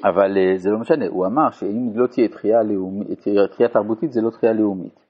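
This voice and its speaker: A rabbi with a slightly rough, lowish voice teaches a Torah lesson to a live group in a community study hall, reading a passage aloud and explaining it phrase by phrase. The recording is dull and lo-fi.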